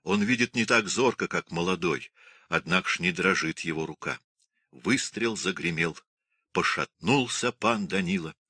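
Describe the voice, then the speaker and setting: Deep-voiced male audiobook narrator. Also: moderate pace, pushed and bright, breathy edge, dry recording, clean studio sound. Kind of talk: classic story narration.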